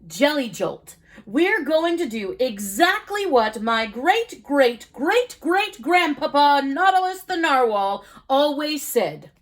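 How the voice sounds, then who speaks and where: A woman's voice: high-pitched, big pitch swings, slow pace, full character voice. A woman voicing a cheerful, silly narwhal superhero boy, reading a children's storybook aloud with a playful, joking manner.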